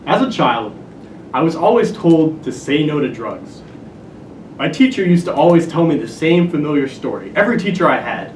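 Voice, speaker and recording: A young man in his twenties argues his case in a persuasive competition speech, earnest with flashes of dry humor. His voice sits slightly high and moves with lively pitch. He is heard from a distance in a roomy lecture hall over a faint rumble. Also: normal speed. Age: 20s. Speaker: student contest speaker.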